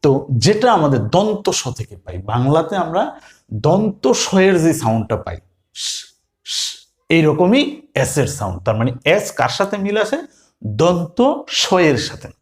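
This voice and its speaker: A man with a Bengali accent teaching English letter sounds slowly, repeating each one and putting questions to his learners. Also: on the high side, very animated. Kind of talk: phonics lesson.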